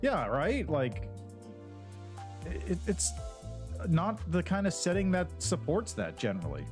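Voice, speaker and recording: A man's voice: high-pitched, huge pitch swings, unhurried, darkish tone. A man streaming a game, chatting loosely through a headset mic as he plays, with lots of "like" and restarts. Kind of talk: casual livestream chat over gameplay. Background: game music.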